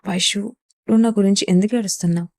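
A woman's voice: mid-range voice, steady tone, rapid-fire, darkish tone, lightly acted. A woman voicing a wounded, obsessive young mafia don who speaks tenderly and pleadingly to the woman he loves.

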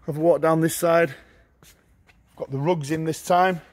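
A middle-aged man walking through a large warehouse, listing auction lots in short, brisk phrases as he goes. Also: fairly high pitch, fairly even intonation, a little mellow. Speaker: auctioneer giving a viewing tour. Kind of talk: walking tour commentary. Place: large indoor warehouse with shelving.

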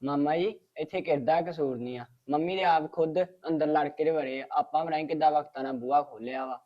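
A man's voice: fairly high pitch, fairly even intonation, a little fast, dull audio. A man playing a son who earnestly explains himself to his elders in a family web drama.

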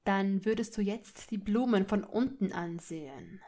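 A woman's voice: medium pitch, measured pace, lightly acted. Cool, sneering young man, voiced by a woman reader. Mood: mocking. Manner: calm, drawling, sneering.

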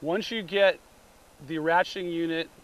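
Speaking at a moderate pace with fairly even intonation and a fairly high pitch, a middle-aged man demonstrates a roof rack. He gives plain step-by-step instructions outdoors at a beach beside a car, recorded on a camera mic.

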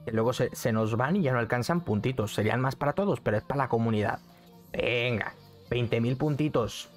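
A man's voice: mid-range voice, a little fast, faint music behind. A young man, chatting casually on a live stream from a neon-lit bedroom, repeating phrases and reading the chat aloud. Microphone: studio mic on arm, headset.

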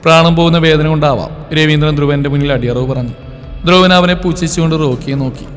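A man narrates a story in a steady, dramatic reading with a fairly high voice. His voice rings in a long reverb, and soft music plays under it. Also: fast talker.

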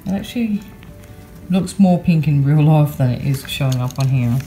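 A woman's voice: sits low, lively intonation, normal speed, warm tone, faint music behind. An Australian woman chatting casually about her shopping, rambling with lots of ums and yeahs, recorded on a phone in a car at night. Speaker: vlogger. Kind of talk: casual haul chat.

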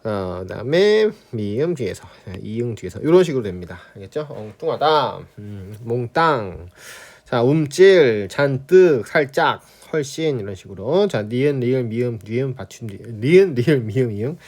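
Male teacher, lecture, animated pitch, repeats phrases, keeps checking in. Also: normal speed, hardly any pauses. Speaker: Korean language teacher. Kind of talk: lecture on spelling rules.

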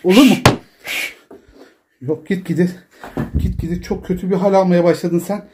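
A man talking casually at home, pleading and gently scolding with repeated short commands to calm down. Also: high-pitched, measured pace, very noisy. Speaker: father filming his daughter at play.

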